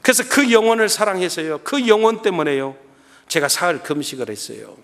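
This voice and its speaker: A man's voice: sits high, a little fast. A middle-aged man preaching at a revival meeting, telling a story and acting out his own prayers for the congregation. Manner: animated, acts out his own prayers and shouts; addresses the congregation often. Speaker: guest pastor at a revival meeting. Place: church sanctuary. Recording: long church reverb.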